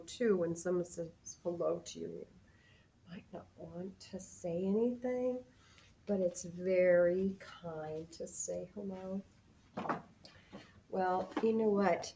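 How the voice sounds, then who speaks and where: A woman teaching preschoolers, talking slowly and playfully while she makes a paper craft, often breaking into sung and whispered parts. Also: medium pitch, darkish tone, dull audio, a little hiss or hum. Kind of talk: singing and talking to young children.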